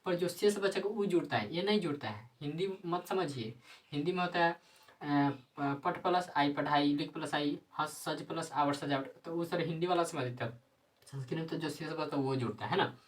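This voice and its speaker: Low-pitched woman teacher, recorded distant from the mic, answering her own repeated questions. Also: moderate pace. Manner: repeats rhetorical questions and answers them herself; frequent tag questions. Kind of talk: grammar lesson.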